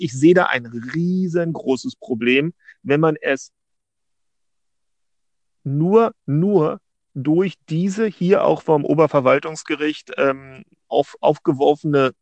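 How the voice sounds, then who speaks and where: A middle-aged man from Berlin co-hosting a podcast, arguing a legal point in a deliberate, wry way with many restarts. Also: fairly high pitch, no echo. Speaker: podcast co-host, legal adviser. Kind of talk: casual podcast discussion.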